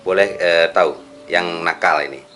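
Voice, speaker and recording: Deep-voiced male interviewer with music. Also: fairly even intonation, normal speed. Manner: affirming, tag questions, many fillers. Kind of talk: casual interview. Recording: clear music playing behind.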